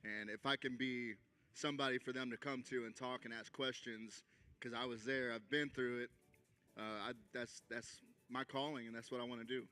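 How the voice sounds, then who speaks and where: A man's voice: medium pitch, fairly even intonation, moderate pace, pushed and bright, clear, resonant tone. A man who wants to be a youth pastor, sincerely telling why he goes to camp. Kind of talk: casual testimony.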